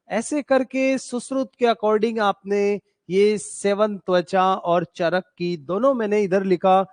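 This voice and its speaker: A man teaching an Ayurveda class in with a slight tinge, slowly repeating terms and spelling out memory tricks for his students. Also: sits high, no echo. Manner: chatty, asks students questions. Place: coaching classroom.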